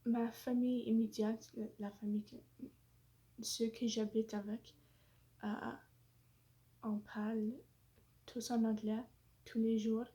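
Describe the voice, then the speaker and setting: In this casual vlog monologue, a woman speaks French with an English-influenced accent, her warm, somewhat high voice level in tone. She goes slowly and pauses often, groping for words with lots of fillers and self-consciously apologizing for her speaking.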